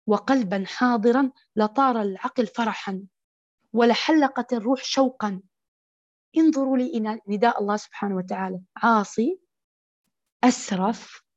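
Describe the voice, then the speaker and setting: A woman's voice: on the high side, darkish tone, no room sound. Impassioned woman preaching a sermon. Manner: impassioned, rising to emphatic peaks. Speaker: religious preacher. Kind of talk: Ramadan sermon to women. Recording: dull, dry close recording.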